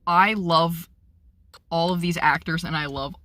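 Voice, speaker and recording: A woman's voice: fairly low pitch, fairly even intonation, a little slow, a bit bright, no room sound. A young woman vlogging in a casual, rambling monologue, emotional and often breaking off mid-sentence. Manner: rambling, emotional, self-interrupting.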